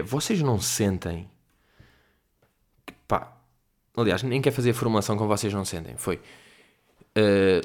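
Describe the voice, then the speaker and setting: Fast-talking young Portuguese man. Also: fairly low pitch. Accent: European Portuguese. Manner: rambling, slangy, animated. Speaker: podcast host. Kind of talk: casual monologue.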